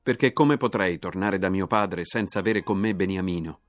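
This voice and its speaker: A man's voice: low voice, normal speed, soft background music, close to an everyday voice. A man reading aloud as a brother earnestly begging to take another's place. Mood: pleading. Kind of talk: scripted reading.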